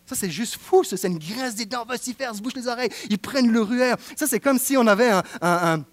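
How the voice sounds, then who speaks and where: A man preaching a sermon with a Quebec French accent, swinging from hushed passages to fervent exclaiming. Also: very high voice, fairly quick, no room sound. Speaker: pastor.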